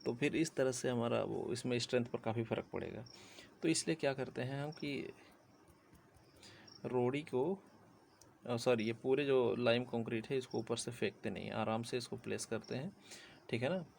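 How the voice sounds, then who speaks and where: This gravelly, darkish male voice of medium pitch moves at a moderate pace, with slight background noise. Despite a sore throat, he delivers a chatty, informal civil engineering lecture in Hindi, frequently saying "theek hai" and checking that his listeners are following.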